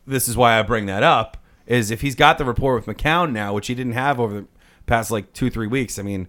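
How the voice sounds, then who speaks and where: A man's voice: mid-range voice, brisk, a bit bright. A man co-hosting a fantasy football podcast, joking and laughing through casual chat. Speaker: podcast co-host.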